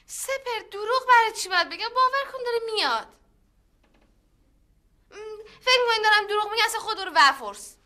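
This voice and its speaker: A woman's voice: very high-pitched, lively intonation, long pauses, bright, forceful tone, heavily acted. An actress playing a cheeky woman who speaks in a thick rustic dialect and bristles when it is mocked. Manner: heavy rustic dialect, teasing. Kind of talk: sitcom acting.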